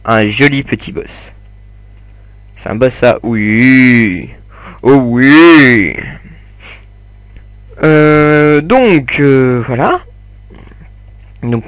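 A man's voice: medium pitch, no echo. A young man giving casual, rambling commentary over his gameplay, full of fillers and asides to viewers. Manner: rambling, many fillers, chats to viewers while playing. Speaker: gamer commentating his play.

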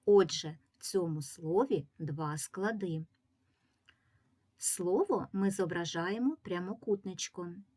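Slow, patient woman teacher. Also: fairly low pitch. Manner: slow, patient, drawing out syllables. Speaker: primary school teacher. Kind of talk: recorded reading lesson for young children.

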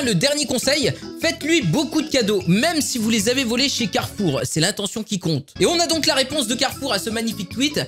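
A man's voice: extremely high pitch, fairly bright tone. A man giving casual, amused commentary as a YouTuber reacting to ads, over background music. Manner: chatty, amused. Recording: music playing underneath.

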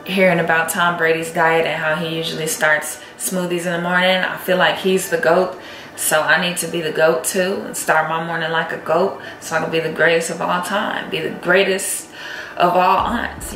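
A young woman chatting casually as she makes a morning smoothie in her home kitchen, filmed on a camera set on the counter. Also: lowish voice, a little hiss or hum. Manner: chatty, relaxed, talks while cooking. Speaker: vlogger. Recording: echoey kitchen with loud music.

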